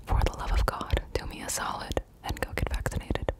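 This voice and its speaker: A woman in her twenties from Colombia, whispering in a casual ASMR question-and-answer session, softly repeating words over and over. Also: brisk. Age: 20s. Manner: casual, swears freely. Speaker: ASMR creator.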